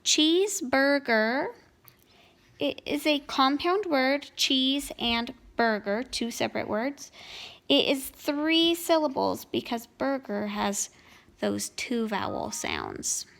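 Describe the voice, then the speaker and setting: A woman's voice: high-pitched, sing-song, takes it slowly, creaky, a bit bright. A woman teacher working through a grammar lesson at home, explaining each answer patiently.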